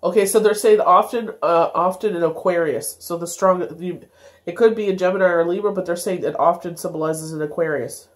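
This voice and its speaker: This woman's voice sits lowish and moves fairly quickly as she does a laid-back daily tarot reading through a stuffy, congested nose. Her talk wanders, packed with fillers and corrections of herself.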